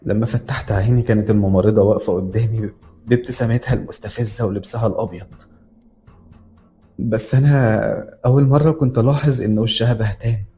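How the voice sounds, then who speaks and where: A man's voice: fairly low pitch, fairly even intonation, fast, mellow, a little hiss or hum. A man with an Egyptian accent giving a dramatic, tense scripted narration of a horror story. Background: faint background music.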